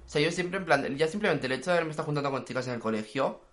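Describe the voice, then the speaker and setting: Fast-talking young man. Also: fairly high pitch. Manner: fast, slangy, animated storytelling. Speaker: podcast co-host. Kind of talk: casual chat.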